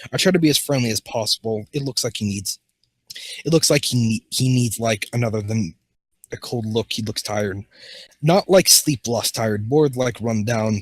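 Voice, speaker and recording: A man's voice: medium pitch, slightly rough, no room sound. A man hosting a comedy show, reading fan fiction aloud and often tripping over words and restarting.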